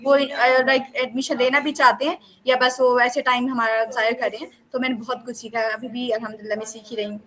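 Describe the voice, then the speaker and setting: A woman's voice: on the high side, level tone, quick pace, hardly any pauses, a bit bright. A young woman from Pakistan, a student guest on an online interview call, talking casually and playfully with lots of fillers and self-corrections. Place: online video call from home. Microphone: computer or phone mic on a call.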